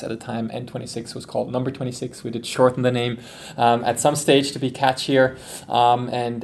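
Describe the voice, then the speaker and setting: Man from Switzerland, executive guest, gravelly voice, conversational answers, faint background hum. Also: medium pitch, a little mellow. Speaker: interview guest, company executive.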